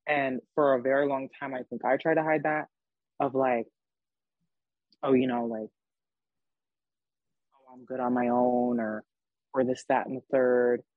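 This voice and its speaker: A man's voice: mid-range voice, expressive, measured pace, vocal fry, long pauses, no echo, phone-quality sound. A young man hosting a casual podcast chat, talking emphatically and swearing freely. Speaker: podcast host.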